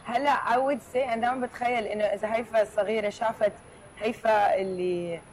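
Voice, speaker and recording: A woman in her thirties with a fairly high voice and a Levantine Arabic accent answers casually and reflectively. She speaks quickly and switches into English phrases. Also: fairly even intonation, a little mellow, slight background noise, rough recording. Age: 30s. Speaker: podcast guest. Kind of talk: casual reflective interview talk, mixing in English.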